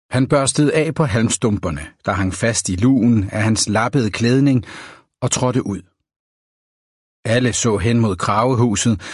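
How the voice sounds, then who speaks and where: A man reading a novel aloud as an audiobook narrator, in a measured, even storytelling manner. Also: mid-range voice, breathy edge, no room sound, clean studio sound.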